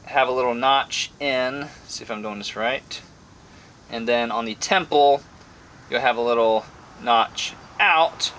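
A man's voice: mid-range voice, sharp tone, slight background noise. Upbeat man narrating his craft workshop. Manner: thinking aloud with many "um"s, upbeat when things work. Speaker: bone carving YouTuber. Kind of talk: casual workshop commentary.

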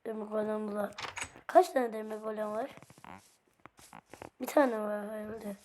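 A woman with a hoarse voice giving casual game commentary, chatting to her viewers and to the game's characters as she plays. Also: mid-range voice, fairly even intonation, normal speed, a little mellow, slight background noise. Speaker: gameplay video host.

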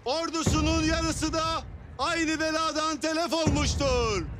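Village town crier, period drama: piercingly high, stretched-out shouted announcements. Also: male voice, steady tone. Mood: proclaiming loudly. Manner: shouted, long drawn-out crying of announcements. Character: loud male town crier of a medieval Anatolian village. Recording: music behind the voice.

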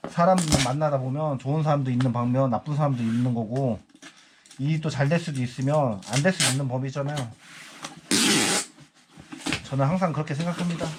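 A man in his forties with a fairly high voice chats casually while packing parcels for his small online shop in an indoor workspace. He rambles, muses aloud, and sighs often, with background noise audible.

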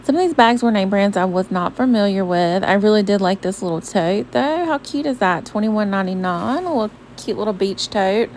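A woman's voice: medium pitch, lively intonation, a little fast, few pauses, darkish tone, slight background noise. A young adult woman from the southern US, narrating a shopping trip in a casual, bubbly voice-over full of "um" and "like". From Southern United States. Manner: chatty and bubbly, many fillers like "um" and "like". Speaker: shopping vlogger. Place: voice-over recorded apart from the pictured store. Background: faint background music.

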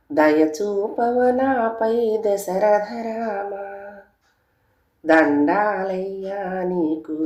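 Woman narrating a comic story. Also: on the low side. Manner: lively, conversational first-person telling. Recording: roomy echo.

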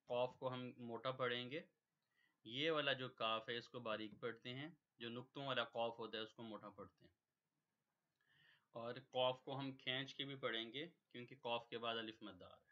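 A man's voice: medium pitch, steady tone, pushed and bright. A man from Pakistan teaching Quran recitation rules, explaining patiently step by step and dropping in English words. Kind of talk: tajweed lesson. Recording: dull lo-fi recording.

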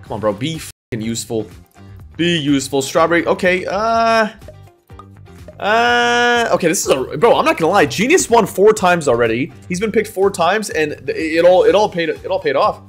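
Casting: young male frat-bro streamer, high lively voice, excitable and repetitive, hyping gambling play. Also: moderate pace, faint music behind. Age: young adult. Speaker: livestream host. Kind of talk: excited gambling livestream commentary. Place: indoor room at home.

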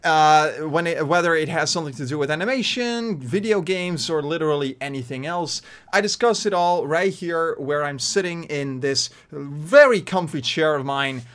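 Speaking at normal speed with few pauses, this man's voice is a little high. He's a Dutch-accented YouTuber in his twenties from the Netherlands, vlogging casually to his webcam indoors in a small bedroom through a desk mic, waving his hands as he rambles with fillers and false starts.

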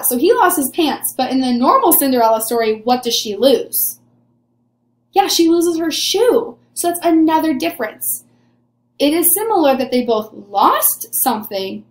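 This high, slightly mellow woman's voice echoes a little off the walls of a small room, captured by a webcam or camera about desk distance away. In her twenties, she teaches early elementary children with an animated read-aloud, cheerfully asking questions and then answering as if the kids had spoken up.

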